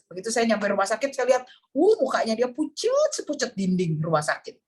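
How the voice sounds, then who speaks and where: A woman's voice: medium pitch, wildly swooping pitch, a little fast, slightly rough. A woman who works in neuroscience, giving a talk to a group of parents and telling dramatic stories while addressing her listeners directly. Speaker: neuroscience practitioner speaking to parents.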